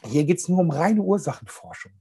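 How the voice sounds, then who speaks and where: A man, preaching in a relaxed, joking way and talking straight to his listeners. His voice sits fairly high and swings widely in pitch, with a slightly husky edge. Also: normal speed. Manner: chatty, joking, addresses listeners directly. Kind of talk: casual, humorous sermon.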